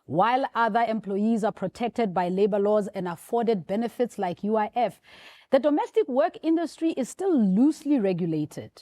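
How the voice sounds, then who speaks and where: A woman's voice: mid-range voice, expressive, normal speed, dark tone, no echo, studio quality. A woman with a South African Sotho accent, presenting and interviewing as a talk show host.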